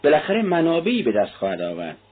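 A man reading the part of a shrewd middle-aged male magistrate who questions in a measured, probing way. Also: on the high side, huge pitch swings, husky, voice pushed up, full character voice. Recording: tinny narrow-band audio.

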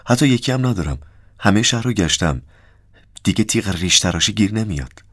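A man's voice: extremely low pitch, fairly bright tone, no echo, clean studio sound. A man voicing a wary middle-aged male clerk who answers in a hasty, guarded, offhand way.

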